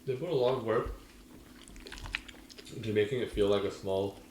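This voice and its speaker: A man's voice: on the low side, moderate pace, darkish tone. A man co-hosting an eating video, making casual conversation over a meal. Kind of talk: casual chat while eating. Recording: roomy echo, faint dish noise.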